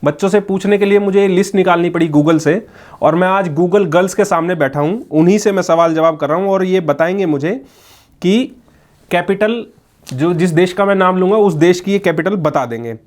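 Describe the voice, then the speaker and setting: A man's voice: high voice, moderate pace, a little mellow. A male local news reporter marvelling aloud as he quizzes children and talks to their mother. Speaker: news reporter interviewing a family.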